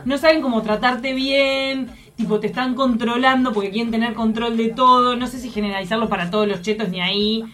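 A woman's voice: fairly high pitch, fairly even intonation, a little fast, hardly any pauses, a bit bright. Nasal, posh Uruguayan woman chatting on air. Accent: posh Montevideo Uruguayan. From Montevideo, Uruguay. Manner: upper-class way of talking. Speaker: radio show host. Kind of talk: casual studio chat.

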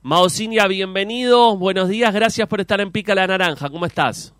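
Clear, higher-voiced Uruguayan male interviewer. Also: a little fast, a bit bright, no echo, studio quality. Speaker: sports show host, interviewer. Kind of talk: conversational sports interview.

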